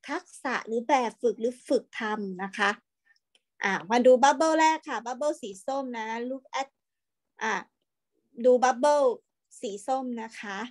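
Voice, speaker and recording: Woman teacher, high voice, patient and coaxing with young kids on a video call, says each word slowly. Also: a little mellow. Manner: patient, coaxing, repeats words slowly for pupils. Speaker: primary school English teacher. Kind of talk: online class for young children.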